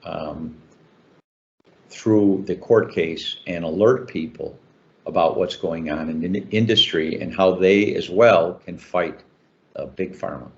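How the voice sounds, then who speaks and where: A man's voice: low-pitched, takes it slowly, darkish tone, dull audio. An older man from Chicago, an author answering interview questions in a talkative way, with many fillers and restarts. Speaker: author guest.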